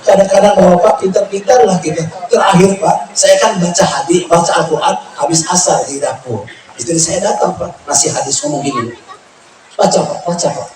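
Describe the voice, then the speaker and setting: Male preacher in a booming echoey hall. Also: a little fast, over music. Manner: jokey, animated storyteller addressing the women. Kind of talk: humorous sermon storytelling. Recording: echoey hall, mic far off, background noise.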